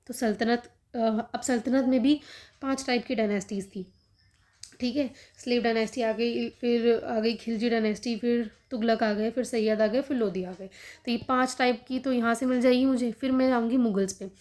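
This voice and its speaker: A young woman teaching exam prep in a quick, chatty way, sprinkling in fillers as she explains. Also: on the high side, fairly even intonation, a little mellow. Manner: fast, chatty, frequent "theek hai" fillers. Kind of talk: casual study-guidance talk, Hindi-English mix.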